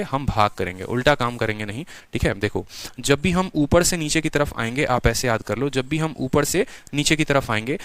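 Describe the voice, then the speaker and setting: A man's voice: medium pitch, a bit bright, clean tone, dry recording. A man teaching an exam-prep maths lecture at a board. He repeats each step and keeps quizzing his students.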